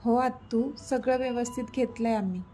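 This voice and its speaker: A woman's voice: on the high side, steady tone, moderate pace, dark tone, soft background music, natural voice. Woman voicing a sulky young girlfriend. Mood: shy. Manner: sulky, mock-angry.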